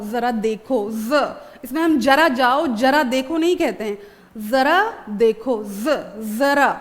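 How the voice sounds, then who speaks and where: A woman's voice: high voice, a bit bright, in a large hall. A woman teaching a spoken English lesson, repeating each word and checking in with the class. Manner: slow, repeats words, checks in with "alright?".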